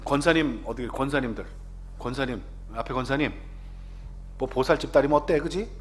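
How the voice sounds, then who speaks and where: A man in his fifties, an announcer, giving a lively testimony to a congregation and often asking the audience questions. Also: medium pitch, brisk, slight background noise.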